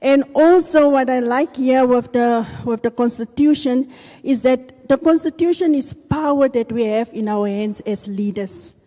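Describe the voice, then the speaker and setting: A woman's voice: high voice, a little slow, mellow. A woman giving unscripted input from the floor of a meeting. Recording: hall microphone with long reverb.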